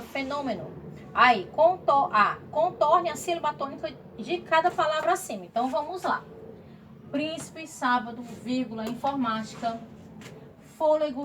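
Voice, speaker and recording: A woman's voice: high voice, a bit bright. A woman teaching primary school Portuguese in a remote class, patiently walking through workbook exercises and checking in with the pupils. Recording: distant mic, faint room noise.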